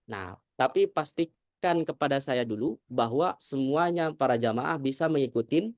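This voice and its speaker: A male Quran recitation teacher leads a tajwid lesson for a congregation, slowly demonstrating Arabic sounds and frequently checking whether it's clear. His mid-range voice is animated, and the recording is studio quality with no echo.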